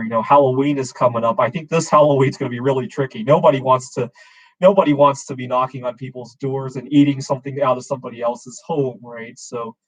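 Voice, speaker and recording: A man's voice: mid-range voice, poor audio. Rambling man hosting a casual chat. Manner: rambling with many fillers and restarts. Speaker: show host.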